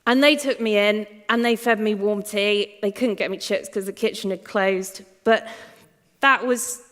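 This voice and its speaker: A woman's voice: mid-range voice, unhurried, a bit bright. A woman giving a candid, chatty talk about her own story, with many fillers and restarts. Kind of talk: personal story talk to an audience. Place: large lecture hall. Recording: long hall reverb.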